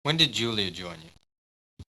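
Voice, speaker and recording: Brief: a businesslike male game detective, lowish and very bright, with faint room hiss. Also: very animated, takes it slowly, heavily acted, low-quality recording. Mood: questioning. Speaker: police detective in a mystery game. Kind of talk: dubbed video game dialogue.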